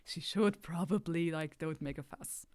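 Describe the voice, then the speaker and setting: A woman taking part as a player in a tabletop role-playing game, hesitant and soft-spoken. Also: low voice, moderate pace, no echo, clean studio sound. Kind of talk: casual tabletop game chat.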